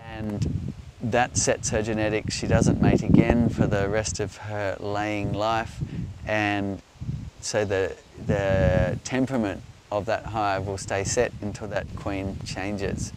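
A middle-aged Australian man explaining things off the cuff in a measured, halting way, recorded outdoors. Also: lowish voice, level tone. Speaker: beekeeper, presenter answering viewer questions. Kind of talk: unscripted explainer talk. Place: outdoors on an open grassy hillside. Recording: outdoor recording with loud background noise.

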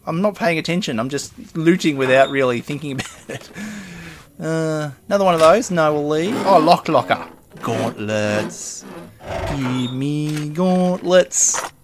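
A man's voice: fairly high pitch, brisk, noisy background. A man giving casual, rambling commentary while playing a survival game, muttering item names and laughing to himself. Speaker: gaming video host.

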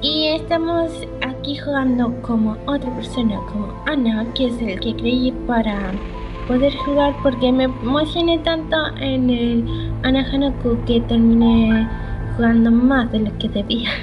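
This woman, a gaming channel host, plays a video game and comments loosely and tentatively, as if partly speaking to herself. Game music plays behind her; her voice is on the high side at a measured pace, and the recording is muffled.

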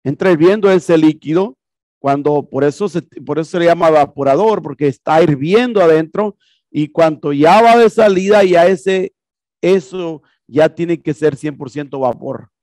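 Speaking at normal speed in a slightly high, darkish voice, a man lectures his HVAC class about a projected video. He's casual and repetitive, often asking rhetorical questions, and there's no echo in the classroom recording.

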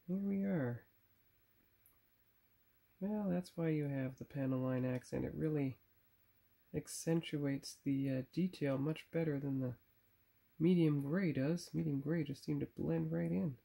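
His warm voice leans high, with vocal fry, a measured pace and long pauses. The man, a model builder and channel host, casually walks viewers through painting his model at a workbench, talking as he works and correcting himself along the way. A phone camera on a tripod captures it.

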